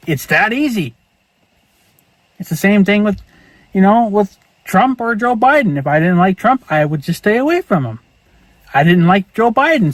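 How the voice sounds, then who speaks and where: A male vlogger rants in a casual monologue, angry and profane, repeating himself as he goes. His voice sits high, there is no room sound, and the audio quality is poor.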